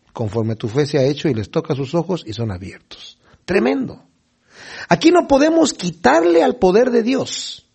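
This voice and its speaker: Male preacher, high-pitched, lively delivery; acts out the scenes in quick voices. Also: creaky, slightly rough. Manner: animated storytelling, acts out scenes in little voices. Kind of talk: sermon.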